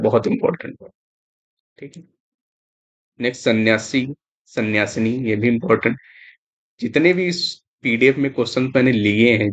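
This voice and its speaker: A man teaching exam spelling over slightly dull, lo-fi audio. His voice sits in a middle pitch. He goes through words one by one and keeps stressing which ones matter. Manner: repetitive, emphatic, stresses importance. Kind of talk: explaining spelling on screen.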